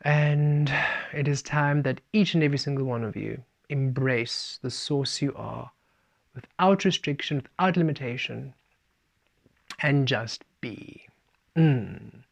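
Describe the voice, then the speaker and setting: A man giving a spiritual talk, speaking of himself as "we" and shifting between playful and calm. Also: medium pitch, slow pace, vocal fry. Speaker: spiritual teacher. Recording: dull lo-fi recording.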